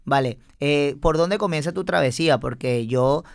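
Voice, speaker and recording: A man's voice: fairly high pitch, moderate pace, gravelly, clear, resonant tone, no echo, studio quality. A man from Venezuela hosting a podcast interview, asking probing follow-up questions. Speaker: podcast host.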